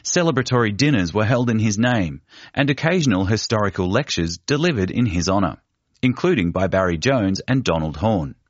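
A man narrates a written feature in a measured, deliberate way, his low voice rising and falling widely. The recording is dry and close, with a slightly dull, muffled tone. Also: lively intonation, no echo. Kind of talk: scripted narration of a feature article. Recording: dull, muffled studio read.

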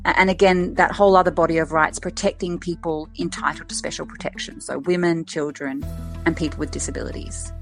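A woman giving measured, articulate formal comment as a legal expert in an interview. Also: on the low side, steady tone, faint music behind.

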